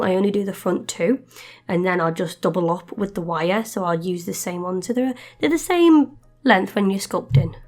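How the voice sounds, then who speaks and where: Female host, stuffy congested voice, chatty rambling tutorial delivery. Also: mid-range voice. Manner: chatty and rambling, with frequent asides. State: stuffy voice from a lingering chest infection. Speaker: clay sculpting channel host. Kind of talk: casual tutorial talk.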